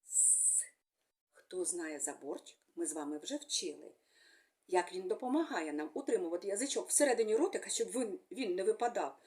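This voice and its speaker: A woman speech therapist giving a gentle, sing-song speech lesson to young children, using fond little words for them. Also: medium pitch, lively intonation, a little fast.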